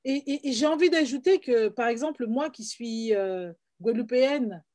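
A middle-aged Parisian woman, a filmmaker and playwright, gives personal testimony as an interview guest, speaking with a French accent from France. Her voice is on the high side and mellow, at a moderate pace, earnest and reflective, with frequent hesitations and repeated words.

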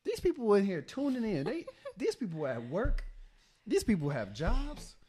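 A man's voice: high voice, huge pitch swings, moderate pace, dark tone, slightly rough. A man co-hosting a marriage podcast in casual chat, playful and hyping up his listeners. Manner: hyped, playful, hypes up the audience. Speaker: podcast co-host.

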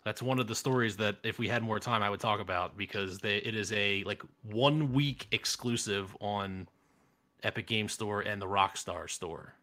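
A man's voice: fairly low pitch, normal speed, sharp tone. A man in his thirties hosting a casual gaming chat, blunt and opinionated, rambling with restarts. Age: 30s. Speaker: podcast host.

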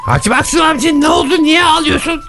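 Man doing a cheeky, gravelly little sidekick. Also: very high-pitched, a little fast. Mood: mocking. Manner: teasing, shouty cheerleading. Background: background music.

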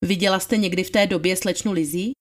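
A woman's voice: on the low side, steady tone, lightly acted. A woman reading the part of a methodical male attorney questioning a witness, in a formal, probing manner. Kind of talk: dramatized trial testimony reading.

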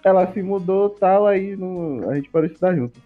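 A man with a Brazilian accent in a casual chat, relaxed and slangy. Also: sits high, fairly quick. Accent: Brazilian Portuguese. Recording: dull lo-fi sound with faint music.

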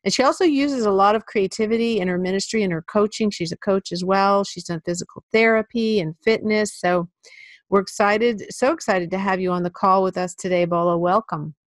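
A woman hosting a podcast as a life coach, speaking in an earnest, upbeat and deliberate way. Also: medium pitch, no echo.

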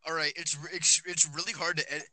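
A teenage guy hosts a loose podcast chat with his friends, recorded on a phone. His voice is very bright and ringing, and he talks in rambling bursts full of "like" and false starts. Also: fairly high pitch, little pitch movement, fast talker, dry recording, low-quality recording. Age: teens. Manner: rambling, many fillers. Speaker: podcast host. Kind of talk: casual chat.

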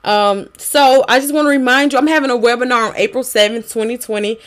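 A woman's voice: a little high, steady tone, fast talker, fairly bright tone. A woman hosting a casual, encouraging faith podcast, with a smoke alarm beeping in the background. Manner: encouraging, exhortative. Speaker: podcast host.

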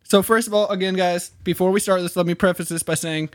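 High-voiced, mock-serious man, dry sound. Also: fairly even intonation, fast talker, dry recording. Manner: playfully earnest, mock-serious delivery. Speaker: podcast co-host presenting theories. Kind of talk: casual chat.

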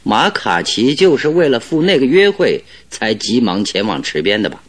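An actor playing Sherlock Holmes as a composed, analytical detective in a radio drama, speaking deliberately and with authority. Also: male voice, medium pitch, big pitch swings. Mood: thoughtful, assured. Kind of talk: Mandarin radio drama acting.

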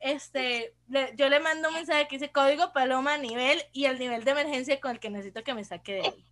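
Young Costa Rican woman, podcast co-host, animated storyteller, high bright tone. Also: fairly quick. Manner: animated, acts out dialogue, says mae constantly. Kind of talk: casual storytelling chat.

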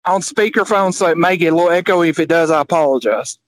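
A man co-hosting a casual podcast chat, calling in over a phone on speakerphone and talking loosely and casually. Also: a little high. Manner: quick, loose and casual, with slangy talk. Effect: heard over a phone on speakerphone. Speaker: podcast co-host.

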